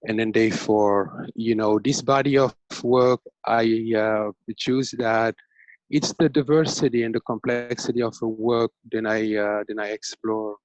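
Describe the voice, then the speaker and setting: A self-taught painter from Senegal talks hesitantly about his work in a casual artist chat over a video call, searching for words and using many fillers. His voice is fairly low and steady, his pace measured, and the video call audio is dull and dry with no room sound.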